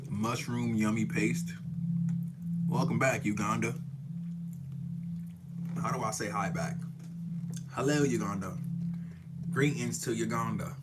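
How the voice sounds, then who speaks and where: A man's voice: lowish voice, measured pace, pauses often. A young man chatting casually on a livestream, slangy and self-mocking, talking while he eats snacks. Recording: loud music behind. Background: loud music.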